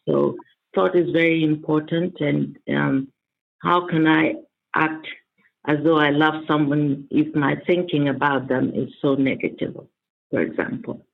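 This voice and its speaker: Guy doing devotional reading, really slow and deliberate, creaky voice, phone line. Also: a little high, fairly even intonation. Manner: measured, deliberate phrasing. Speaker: reader and discussion participant. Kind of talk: reading devotional texts and commenting. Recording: narrow phone line with faint noise.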